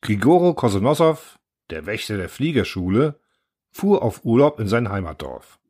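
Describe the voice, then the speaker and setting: Lively expressive male storyteller. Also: on the low side, normal speed. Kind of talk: storybook reading.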